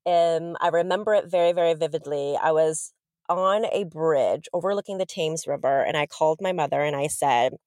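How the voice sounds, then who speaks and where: A woman in her thirties from Southern California, telling her story as a podcast guest in a chatty, animated way. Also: low voice, normal speed, no echo, clean studio sound. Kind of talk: casual interview storytelling.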